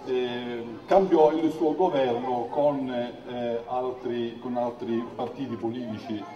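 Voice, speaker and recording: Man, Sicilian accent, political rally oratory, halting emphatic phrases, echo, long reverb. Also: medium pitch, steady tone, lo-fi sound, a faint crowd, a little hiss or hum. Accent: Sicilian Italian. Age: middle-aged. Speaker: campaign speaker. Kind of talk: impassioned political rally speech. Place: outdoor stage before a crowd at night. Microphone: podium microphone, not close. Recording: echoey public-address, distant from mic.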